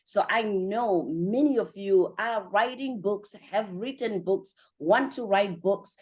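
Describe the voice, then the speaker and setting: A woman's voice: medium pitch, slow, darkish tone. A woman hosting a podcast interview, talking in an effusive, chatty way with many 'you know' fillers. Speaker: podcast host. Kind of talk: interview conversation.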